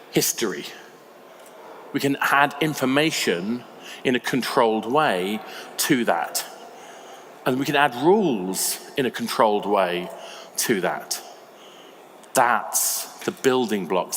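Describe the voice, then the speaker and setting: A man with a slightly raspy voice, giving a conversational, emphatic conference talk. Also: mid-range voice, slight background noise. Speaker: conference speaker. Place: large conference hall. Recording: reverberant hall with faint ambience.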